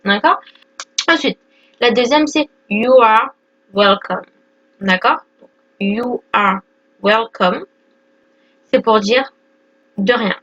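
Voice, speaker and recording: A woman's voice: fairly high pitch, expressive, slow, long pauses, a bit bright, muffled recording. Chatty young woman teaching basics. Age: 20s. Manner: explains step by step with many fillers and "d'accord?". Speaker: English teacher. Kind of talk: casual spoken lesson.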